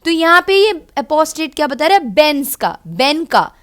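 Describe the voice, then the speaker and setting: A woman's voice: sits high, sing-song, unhurried, a bit bright. A woman with an Indian English accent teaching a children's reading lesson, patiently explaining as she switches between Hindi and English.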